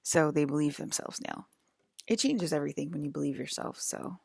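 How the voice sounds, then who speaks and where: A woman's voice: deep voice, fairly quick, vocal fry, darkish tone, slightly rough, no echo, studio quality. A woman in her forties speaking straight to her viewers in a rambling vlog monologue, defiant and scolding, checking in with them after nearly every point. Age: 40s. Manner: talks to viewers with frequent "okay?" and "right?". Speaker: vlogger. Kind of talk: rambling direct-to-camera monologue.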